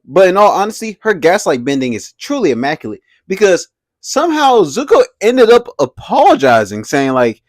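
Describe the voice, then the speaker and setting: A young man hosting a casual commentary video, animated and slangy, laughing often as he talks. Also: high-pitched, normal speed, no room sound. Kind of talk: casual pop-culture commentary.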